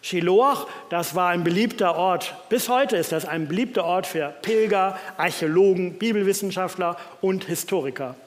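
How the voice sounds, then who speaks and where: A man's voice: sits high, normal speed, few pauses. A man preaching a sermon in a church, thoughtful in tone, reading scripture aloud along the way. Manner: reflective, reads scripture aloud. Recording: long church reverb.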